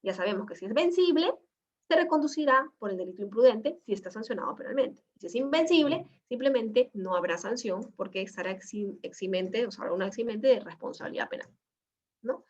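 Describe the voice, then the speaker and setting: A woman teaching an online law class. She explains with lively examples and often adds tag questions. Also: on the high side, fairly quick. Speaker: law lecturer. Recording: dull lo-fi online class audio.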